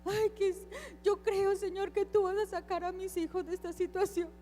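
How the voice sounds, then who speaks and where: A crying, pleading woman prays in a high, strained voice, as a woman preacher acts her out. Her words come out weepy and desperate, with soft music faintly behind. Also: flat delivery, normal speed. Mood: weeping plea. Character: tearful woman praying for her family.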